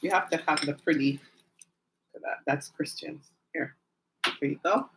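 A woman's voice: deep voice, measured pace, a little hiss or hum, low-quality recording. A woman hosting a live stream from home, chatting casually, talking straight to her viewers and laughing often. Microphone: phone or camera mic on a live stream.

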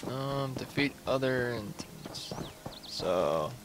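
Brief: a laid-back let's-play man, animated pitch, clear noise behind. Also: takes it slowly. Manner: laid-back, muttering reactions. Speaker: gameplay commentator. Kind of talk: casual let's-play commentary.

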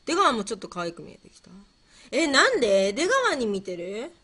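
A woman hosts a casual livestream, playfully stumbling through quiz questions and chatting with her viewers while she muses aloud and repeats herself. Her mid-range voice is sing-song, pushed and bright, a little rough, and she talks fairly quickly.

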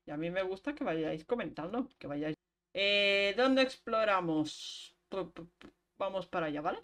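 A woman's voice: mid-range voice, expressive, a bit bright. Chatty streamer woman. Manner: chatty, talks to chat while playing, quick laughs. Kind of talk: casual gameplay chat.

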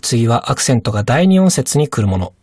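A woman teaching a radio language course, giving calm, measured explanations and translations. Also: extremely low pitch, a little hiss or hum. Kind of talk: scripted lesson explanation.

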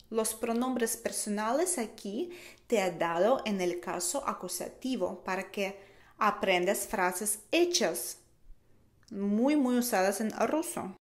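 Slow, patient woman teaching language. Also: a little high. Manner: slow, repeats each phrase for learners. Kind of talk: language lesson.

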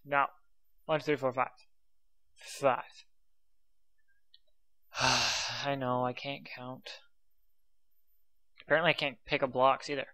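A man's voice: medium pitch, flat delivery, slow pace, long pauses, bright, forceful tone. A man giving casual gameplay commentary, exasperated, muttering to himself and sighing often. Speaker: let's play commentator.

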